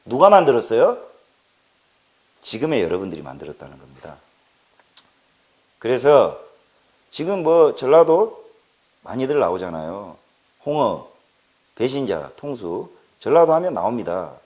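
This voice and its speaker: A man's voice: medium pitch, sing-song, measured pace, pauses often, a little mellow. A man from Jeolla delivering an impassioned political monologue, stressing points by repeating words and asking rhetorical questions. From Jeolla, South Korea. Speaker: political commentator.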